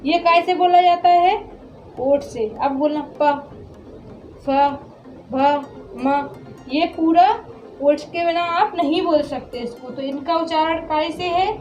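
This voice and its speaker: A woman's voice: extremely high pitch, unhurried, a little mellow, roomy sound, lo-fi sound, faint music behind. A woman teaching Hindi pronunciation, sounding out syllables one by one and answering her own questions. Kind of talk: classroom lesson on pronunciation.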